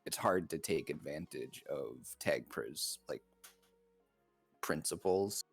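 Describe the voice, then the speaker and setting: Very deep, gravelly male esports analyst. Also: takes it slowly, soft background music. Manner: relaxed, analytical, trailing off. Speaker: esports co-commentator. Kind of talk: live game commentary and analysis.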